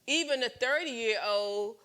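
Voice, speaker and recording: A woman's voice: a little high, takes it slowly, sharp tone. A woman in her late forties hosting a talk show, sharing candid opinions with many fillers and restarts. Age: 40s. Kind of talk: casual talk show chat.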